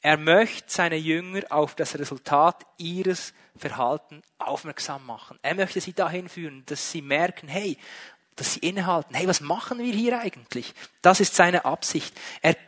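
A man's voice: on the high side, normal speed, a bit bright. A man preaching a sermon, emphatic and full of rhetorical questions.

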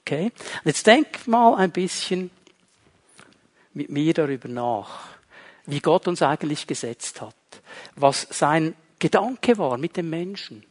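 A high-voiced man preaches a sermon. He talks straight to his listeners and swings between loud emphasis and hushed lines. Humorous asides keep his delivery conversational. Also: lively intonation, slow pace. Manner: dramatic shifts between loud and quiet, addresses listeners directly.

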